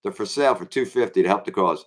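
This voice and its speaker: A man's voice: low voice, quick pace. A man hosting his own online show, ranting loosely and calling his viewers kids. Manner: brash, swaggering, addresses viewers as kids. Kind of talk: rambling live-stream rant.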